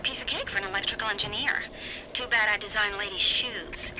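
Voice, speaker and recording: A woman's voice: medium pitch, a little fast, lightly acted. Actress as wry woman on noisy recording. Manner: wry, slangy, wisecracking. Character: sardonic, tough-talking woman keeping a recorded diary. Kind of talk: in-game audio diary. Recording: noisy recorded audio log.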